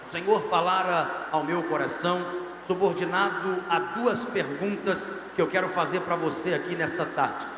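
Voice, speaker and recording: A man's voice: fairly high pitch, a bit bright, a little hiss or hum. A male pastor preaching a sermon to a youth congress in an emphatic, rising preacher's cadence. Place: large congress hall. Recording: echoey hall, faint crowd ambience.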